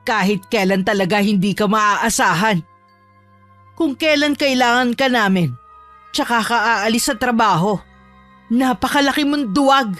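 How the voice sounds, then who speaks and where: Frantic, shrill rich landowner, tormented , as a woman puts her on; radio-play horror. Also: measured pace, a bit bright, soft background music. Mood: scornful. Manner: scornful, then panicked and shrieking. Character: sickly, tormented rich woman, hacienda owner.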